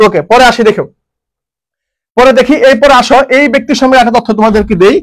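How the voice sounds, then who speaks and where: A man's voice: very high-pitched, fast talker. A man teaching a grammar lesson online, repeating each point, asking and answering his own questions, with jokes and homely dialect forms.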